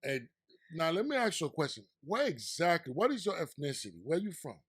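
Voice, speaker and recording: A podcast host and DJ with a New York accent leads a relaxed interview in a fairly high, husky voice at a brisk pace. He talks loose and street-casual, swinging from loud, hyped excitement to a low, confiding tone.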